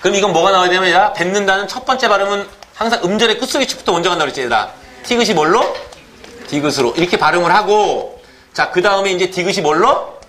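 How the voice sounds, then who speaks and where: A man teaching a grammar lecture, animated, constantly asking the class questions and mimicking pronunciations. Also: sits high, fast.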